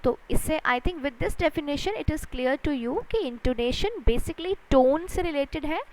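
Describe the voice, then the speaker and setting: A woman with an Indian accent, an English lecturer giving a recorded lesson, explaining slowly and mixing Hindi with English. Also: high-pitched, animated, darkish tone, low-quality recording.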